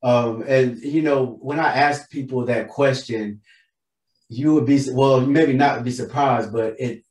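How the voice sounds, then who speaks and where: A man's voice: mid-range voice, fairly even intonation, unhurried, a little mellow. Laid-back male host in echoey room. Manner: laid-back, appreciative, loose phrasing. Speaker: podcast host. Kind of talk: interview hosting.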